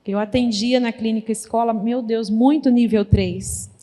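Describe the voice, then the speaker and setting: A woman pedagogue giving a lively talk at a church conference, speaking straight to the audience and acting out little conversations. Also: a little high, moderate pace. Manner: lively, addresses audience directly; acts out quoted conversations. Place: church hall. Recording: long reverb of a large hall.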